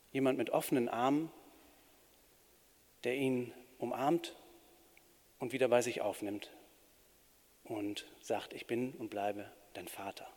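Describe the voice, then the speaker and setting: Man preaching in a reverberant church. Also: medium pitch. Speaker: pastor. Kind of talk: sermon.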